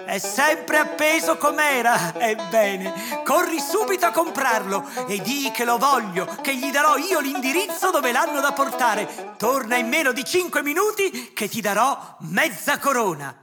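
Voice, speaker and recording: A reader voicing an elderly male miser, speaking in high, excited exclamations. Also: a little slow, natural voice. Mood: overjoyed. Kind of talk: audiobook character voice. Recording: glockenspiel music behind.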